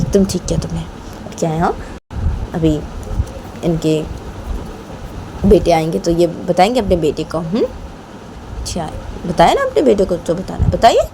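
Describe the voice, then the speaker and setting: A woman voicing a calm middle-aged mother who reasons gently and quietly. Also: on the low side, background noise. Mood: approving.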